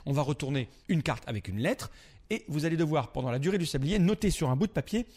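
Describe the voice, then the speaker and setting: A man with a slightly higher voice than most, talking through a board game review. He explains the rules step by step in a chatty way and keeps turning to the host. It sounds like a prepared segment, read with ease. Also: animated, fast talker, darkish tone.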